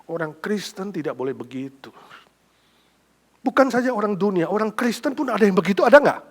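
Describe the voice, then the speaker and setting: A middle-aged male pastor with a high-pitched voice, preaching dramatically. He drops to near whispers and then surges into loud, emphatic lists. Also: very animated, a little fast. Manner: dramatic, swinging between hushed and loud. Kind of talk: sermon.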